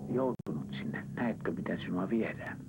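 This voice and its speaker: A man guiding someone under hypnosis with calm, coaxing questions, sometimes dropping to a hush. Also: low-pitched, music in the background. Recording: session audio with clear background noise.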